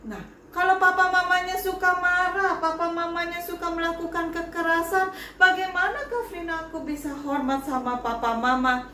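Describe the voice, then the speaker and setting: A woman, a Sunday school teacher, telling a Bible lesson story to children in an animated way. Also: very high voice, normal speed, roomy sound, a little hiss or hum. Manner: animated, speaks to children directly. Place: church broadcast.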